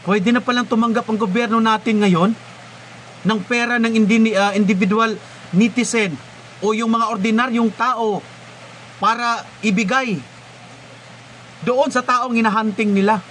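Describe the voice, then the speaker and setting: High-voiced man, mocking questions. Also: steady tone, unhurried, pauses often, a bit bright, slight background noise. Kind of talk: political commentary.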